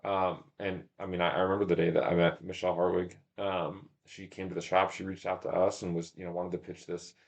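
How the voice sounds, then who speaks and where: An ultramarathon runner and shop owner, appearing as a podcast guest, chats casually about his races, rambling, thinking aloud, and putting himself down. His deep, gravelly voice is flat and a bit fast, with hardly any pauses.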